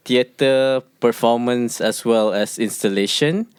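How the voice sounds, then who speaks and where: A man from Malaysia, a guest on a casual podcast, talking in a reserved, measured way. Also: medium pitch, clean tone, no room sound.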